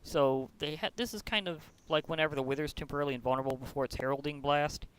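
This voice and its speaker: A man hosting a game video, chatty and excitable as he plays and comments. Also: fairly high pitch, fast, clean tone. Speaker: host. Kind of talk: gameplay commentary.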